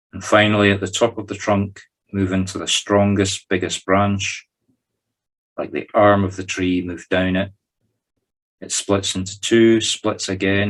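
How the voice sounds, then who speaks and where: Speaking on a group video call, a man from Scotland leads a guided meditation in a casual, chatty way, walking everyone through each step. His voice sits low and sounds a bit bright.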